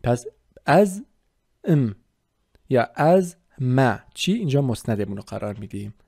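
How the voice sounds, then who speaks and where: A man's voice: medium pitch, sing-song, creaky, dark tone, husky, no room sound, studio quality. A man teaching a grammar lesson, methodically walking through word forms and repeating each ending. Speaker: language teacher.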